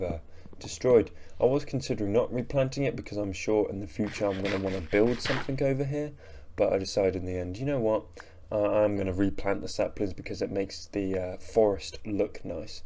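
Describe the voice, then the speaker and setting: Warm and fairly low, the young man's voice carries relaxed commentary over his gameplay for his gaming channel, with slight background noise. He's drowsy and rambling, poking fun at himself and yawning between remarks.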